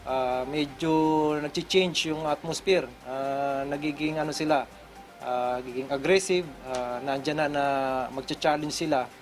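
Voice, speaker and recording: A man's voice: on the high side, steady tone, moderate pace, music in the background. A man with a Filipino accent giving a hesitant, unscripted interview, searching for words. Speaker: coast guard captain being interviewed. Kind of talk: unscripted interview in mixed Tagalog and English.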